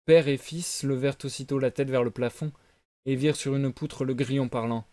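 Lecteur masculin de conte, narration posée, son sec et proche. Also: male voice, mid-range voice, steady tone, moderate pace, a little mellow, no room sound. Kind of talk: lecture de conte en direct.

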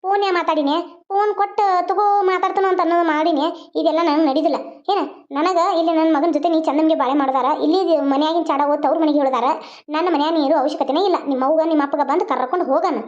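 A woman's voice: sits high, very fast, a little mellow, dull audio, natural voice. A woman voicing a bitter, taunting village mother-in-law. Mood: scolding. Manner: taunting, scolding.

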